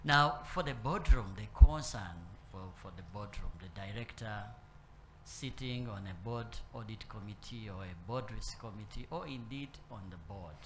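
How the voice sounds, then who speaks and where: A man speaking on a conference panel about boardroom risk, in a measured way, often repeating words and pausing with fillers. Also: on the low side, noisy background. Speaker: panel speaker on corporate governance. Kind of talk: spoken panel talk. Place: conference room with live and online audience.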